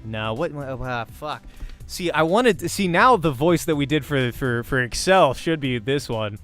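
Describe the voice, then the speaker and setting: A let's play host and voice actor reads a visual novel aloud as dramatic narration, occasionally stumbling over words and correcting himself. His voice is a little high and a bit bright, with lively intonation and an unhurried pace over soft background music.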